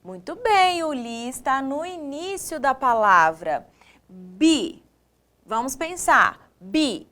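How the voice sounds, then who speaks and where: Brazilian lady teacher talking to little kids, high voice, goes up and down a lot. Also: big pitch swings, sharp tone. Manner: slow, drawn-out syllables for young pupils; asks questions and praises the pupils. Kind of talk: online lesson for children.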